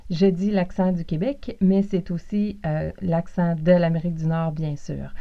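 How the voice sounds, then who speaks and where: Lowish-voiced Québécois woman teaching French. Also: fairly even intonation, lo-fi sound. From Quebec, south shore of Montreal. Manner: clear, deliberate teaching delivery, repeating example phrases. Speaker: podcast host and French teacher. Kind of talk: scripted podcast lesson.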